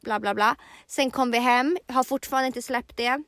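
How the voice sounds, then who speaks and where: A young woman co-hosting a podcast, telling a dramatic story in casual chat and acting out quotes loudly. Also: fairly high pitch, dry recording. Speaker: podcast co-host.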